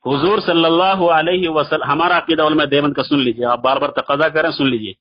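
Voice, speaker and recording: Heard on a dull, lo-fi phone recording, a man with a fairly high voice and fairly even intonation talks fast while debating religion. He argues insistently, repeating his points in formal religious vocabulary.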